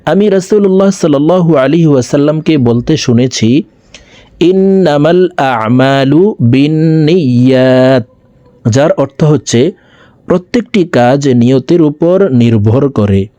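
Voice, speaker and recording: A man teaching viewers to recite a fasting intention, speaking slowly and drawing out each phrase for them to repeat. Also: on the high side, dark tone, no room sound. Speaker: religious teacher. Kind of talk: slow recitation lesson.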